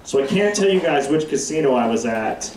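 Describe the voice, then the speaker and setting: A man's voice: a little high, animated, fairly quick, a little mellow. A man from Wyoming telling a brash, profane stand-up story on a comedy club stage. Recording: echoey live club recording from far off.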